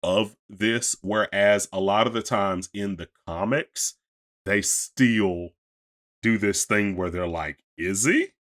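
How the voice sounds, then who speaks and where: Male podcast co-host, lowish voice, casual and conversational, somewhat halting, repeats for emphasis. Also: fairly even intonation, fairly bright tone. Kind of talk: casual discussion of an animated series.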